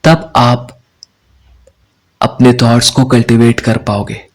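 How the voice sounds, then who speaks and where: Flat-voiced male Indian English teacher. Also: medium pitch, slow. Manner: mixes Hindi and English, addresses students directly. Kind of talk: online class lecture.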